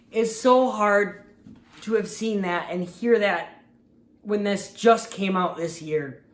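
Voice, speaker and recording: Sick and sniffling, a high-voiced man hosts a casual movie review show, his voice fading as he rambles heartfelt thoughts. The recording has a roomy echo.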